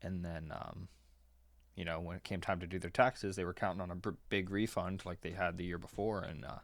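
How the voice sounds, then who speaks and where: A man's voice: deep voice, flat delivery, brisk. A man in his twenties, a tax preparer co-hosting a podcast, talking casually with lots of ums and you-knows. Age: 20s. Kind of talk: casual chat.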